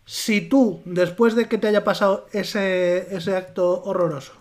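A man co-hosting a podcast, making his points casually and deliberately, with pauses and fillers. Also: high voice, fairly even intonation. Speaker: podcast co-host. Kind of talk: casual chat.

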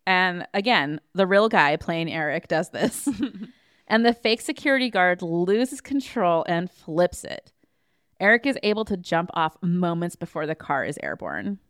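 Woman podcast host, smooth voice, dry close sound, casual movie recap with sarcastic jabs. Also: lowish voice, lively intonation, unhurried, fairly bright tone, no room sound. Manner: wry, sarcastic asides between plot summary.

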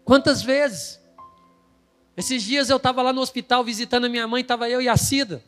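A man's voice: very high-pitched, fairly even intonation, moderate pace, fairly bright tone, long reverb tail, faint music behind. A male pastor preaching a sermon, emphatic and storytelling, acting out the quoted voices.

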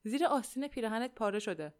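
A woman's voice: a little high, expressive, natural voice. A woman voicing a serious, clever teenage boy who speaks earnestly and with urgency. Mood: urgent.

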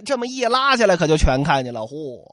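A man's voice: a little high, fast talker, no echo. Chatty guy doing comic storytelling, voice jumps all over, dry close sound. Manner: lively, chatty asides to listeners.

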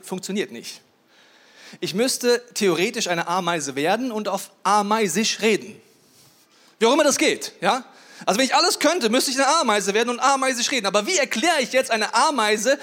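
Animated, high-voiced male preacher. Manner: playful, animated storytelling that addresses listeners directly. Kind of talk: sermon.

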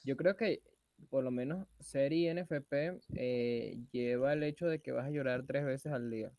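A young man with a Venezuelan accent co-hosting a podcast, joking in slangy casual chat with loud bursts. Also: medium pitch, moderate pace, no room sound. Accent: Venezuelan Spanish. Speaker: podcast co-host.

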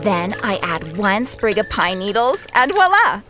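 A woman voicing a calm, cheerful female substitute ranger with a breezy, reassuring manner. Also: medium pitch, a little slow, over loud music. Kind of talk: cartoon voice acting.

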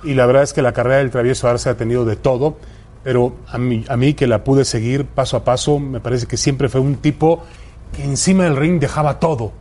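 Male co-host, mid-pitched, reflective and measured in tone. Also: fairly even intonation, a little mellow. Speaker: boxing show co-host. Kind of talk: sports talk commentary.

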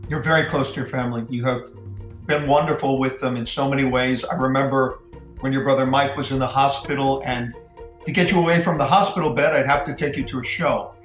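A man's voice: medium pitch, fairly even intonation, fairly quick, reverberant, soft background music. A man who is the interviewer, asking an old friend questions in a familiar, easygoing way. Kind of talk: casual interview.

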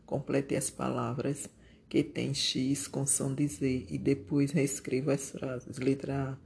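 Schoolteacher correcting answers aloud, gravelly voice, unhurried and methodical. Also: mid-range voice, darkish tone. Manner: slow, deliberate, repeats each answer word. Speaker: primary school teacher. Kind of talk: correcting workbook exercises aloud.

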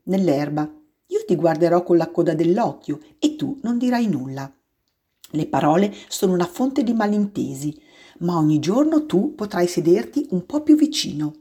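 A woman voicing a wise, patient fox in a storybook reading, calm and tender. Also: lowish voice, normal speed, breathy edge.

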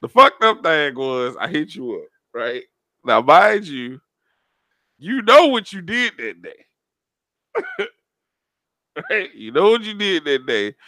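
A man banters casually as a podcast co-host, slangy and full of swearing. His voice sits on the high side and swings widely, with a sharp, bright edge and a dry, close sound. He teases as he talks. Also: big pitch swings, slow pace, pauses often, no room sound. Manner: profane, slangy, teasing.

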